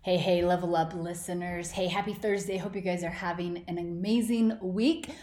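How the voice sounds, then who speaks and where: A woman's voice: on the low side, fairly even intonation, moderate pace, darkish tone. A woman hosting a podcast in a casual motivational monologue, informal, emphatic and blunt, recorded in an echoey room. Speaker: podcast host. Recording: roomy, echoing indoor sound.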